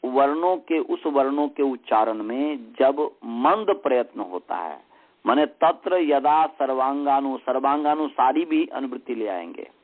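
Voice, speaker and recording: A man teaching Sanskrit grammar, dictating lines slowly and repeating each phrase many times before he explains it. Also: medium pitch. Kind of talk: dictating and explaining a text to students. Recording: tinny phone-line sound.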